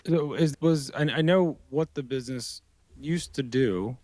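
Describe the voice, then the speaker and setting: A man's voice: mid-range voice, a little slow, warm tone, no echo. A man hosting a podcast interview, asking loose, rambling questions in a friendly, chatty way. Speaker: podcast host. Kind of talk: conversational interview.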